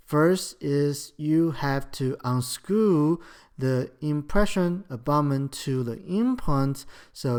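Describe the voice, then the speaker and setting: Slow, measured dental lecturer. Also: mid-range voice, a little mellow. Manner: measured, explanatory, slightly non-native phrasing. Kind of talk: recorded lecture.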